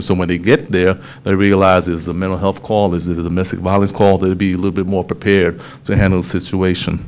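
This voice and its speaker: A man, a police official explaining a program to a town hall meeting, steady and explanatory, often restarting phrases. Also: sits low. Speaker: police official presenting to city council.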